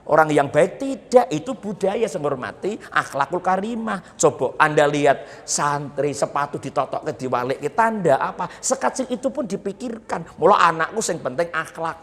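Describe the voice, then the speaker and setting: Joking Javanese preacher in an echoey hall. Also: male voice, on the high side, expressive, moderate pace, fairly bright tone. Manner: jokey, teasing the audience, mixing Javanese and Indonesian. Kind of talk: humorous Islamic sermon. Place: large hall at an Islamic boarding school.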